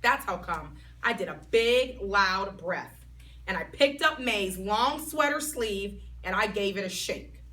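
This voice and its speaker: A woman reading a children's chapter book aloud in an expressive, child-like narrating voice. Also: mid-range voice, takes it slowly. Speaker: storytime reader. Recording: voice a bit far from mic, faint background noise.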